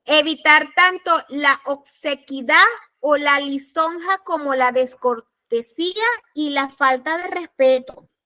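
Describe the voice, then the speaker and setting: A woman with a Panamanian Spanish accent teaching a law class, speaking deliberately and repeating her key points. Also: high voice, bright, forceful tone. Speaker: law lecturer. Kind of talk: recorded class lecture.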